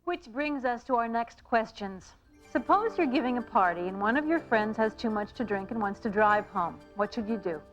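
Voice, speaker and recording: A woman's voice: on the high side, lively intonation, moderate pace, soft background music. A woman co-hosting a TV quiz, evenly reading out questions and answer options on a dull, worn videotape copy. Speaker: quiz show co-host. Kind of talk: scripted TV presenting.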